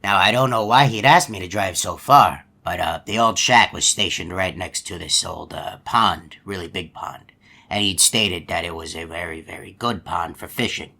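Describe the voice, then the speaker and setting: An actor playing a folksy, long-winded, gullible hippo animatronic in a video game, telling stories in a polite, meandering way. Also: male voice, low voice, normal speed, gravelly, pushed and bright, exaggerated voice. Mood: genial, reminiscing. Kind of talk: video game character monologue.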